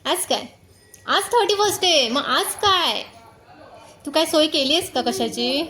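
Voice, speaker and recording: A woman's voice: high-pitched, lively intonation, unhurried, pushed and bright. A young woman chatting casually to camera in her home kitchen while coaxing her toddler. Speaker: vlogger and mother. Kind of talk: casual home vlog chat.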